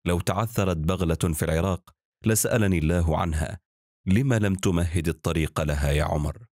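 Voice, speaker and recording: A man's voice: deep voice, fairly quick, a little mellow, no echo, clean studio sound. A man voicing a just, God-fearing ruler who speaks in grave, solemn declarations.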